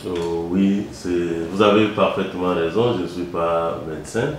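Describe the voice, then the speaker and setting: A man from Kongo Central with a Congolese French accent, answering interview questions in a measured, hesitant way with frequent fillers. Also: low voice, steady tone, slight background noise. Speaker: founder of a medical centre, interviewee. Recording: very echoey room.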